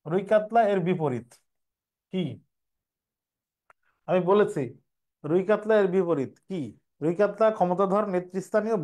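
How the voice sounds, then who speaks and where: A man's voice: high-pitched, a little mellow. A young man, teaching an exam preparation class and explaining step by step, repeating each question before answering it.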